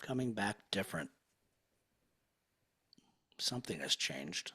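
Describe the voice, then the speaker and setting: A man leading a guided hypnosis session in a slow, soothing, hushed manner. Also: fairly low pitch, big pitch swings, breathy edge.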